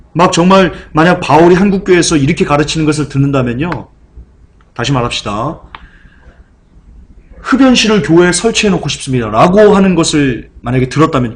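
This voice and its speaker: A male pastor delivers an impassioned, denunciatory sermon. He has a mid-range voice and hammers his points with repetition. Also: mid-range voice.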